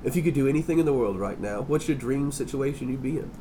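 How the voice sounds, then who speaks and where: A man's voice: medium pitch, fast. Campy, profane man hosting over background noise. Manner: campy drag-queen persona, effusive, calling people darling and doll; freely profane. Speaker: podcast host. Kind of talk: casual chat interview.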